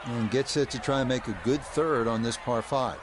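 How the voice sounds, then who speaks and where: A man's voice: mid-range voice, steady tone, normal speed, close to an everyday voice. A man voicing a composed play-by-play golf commentator in a video game broadcast. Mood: composed, approving. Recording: game music and crowd noise behind. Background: music and crowd.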